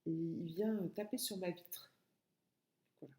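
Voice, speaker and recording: A woman teacher giving a remote lesson to young children from a room at home, slow and patient, repeating each word and syllable. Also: fairly low pitch, warm tone, echoey room. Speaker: kindergarten teacher.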